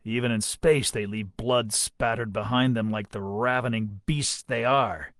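A man's voice: mid-range voice, fairly even intonation, measured pace, a bit bright, dry recording, studio quality. A man voicing a vengeful sword-bearing warrior who speaks in grim, snarling threats.

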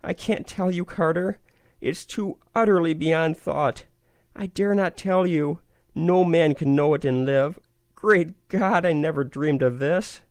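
A panicked man trapped deep in a vault cries out in a shaky, hoarse voice, high and strained well above a normal speaking pitch, as a male storyteller puts him on. His frantic pleas come loud and close, in a dry sound with no room around it. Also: a little slow, dry recording, natural voice. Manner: frantic, pleading shouts.

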